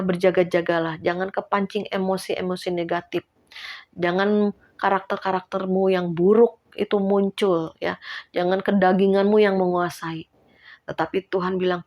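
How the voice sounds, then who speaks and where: A woman's voice: fairly low pitch, a little mellow, lo-fi sound. Older woman, preacher, earnest sermon voice, folksy asides, chuckling.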